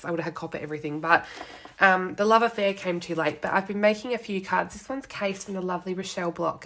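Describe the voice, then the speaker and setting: Hoarse and snuffly from a cold, a young woman chats casually during a live card-making demo at her home desk, greeting viewers with plenty of ums. Her voice is lowish, pushed, and bright.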